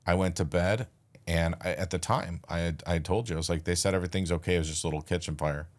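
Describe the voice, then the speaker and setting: A man, a podcast guest, telling a personal story in a casual, halting way, acting out bits of dialogue. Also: low voice. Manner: relaxed, halting retelling with restarts and quoted dialogue.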